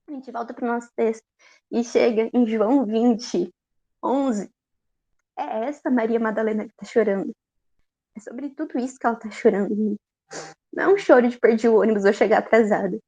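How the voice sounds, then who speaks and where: A woman with a Brazilian Portuguese accent giving a conversational Easter sermon, expressive and talking straight to the congregation. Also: a little high, highs cut off. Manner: expressive, talks straight to the congregation, laughs often. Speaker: preacher.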